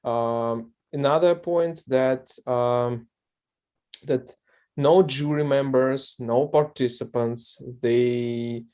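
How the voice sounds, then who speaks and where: A man giving a halting report in an online meeting, over a video call. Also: medium pitch, fairly even intonation, mellow. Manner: halting, many filler sounds. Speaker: community member giving a report.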